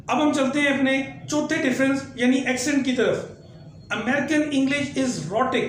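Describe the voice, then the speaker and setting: A man giving an explanatory lesson, spelling out examples slowly and deliberately. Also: very high-pitched. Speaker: teacher. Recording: very echoey room, faint background noise.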